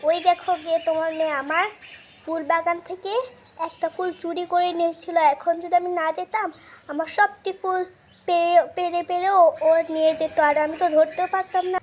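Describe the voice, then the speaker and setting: A girl voicing a strict mother in a doll-play skit who scolds in a shrill, high voice. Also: little pitch movement, a little fast. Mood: nagging. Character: strict scolding mother, protective of her flower garden.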